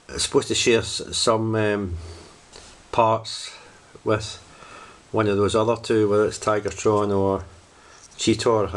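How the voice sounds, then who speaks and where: Low-voiced man rambling through a toy review. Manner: rambling, hesitant, repeats himself. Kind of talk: casual unscripted review.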